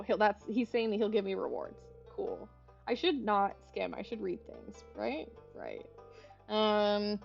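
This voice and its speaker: A woman's voice: mid-range voice, darkish tone. A woman giving casual let's-play commentary, chatty and bubbly, rambling off on asides with frequent ums. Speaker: gaming video host. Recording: slightly muffled, faint game music behind.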